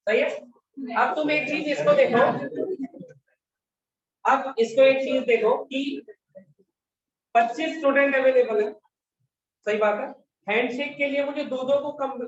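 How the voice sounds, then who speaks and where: A male math teacher giving a classroom lecture, repeating his questions and constantly prompting his students for answers. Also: very high-pitched. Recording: echoey room, distant mic, dull lo-fi sound.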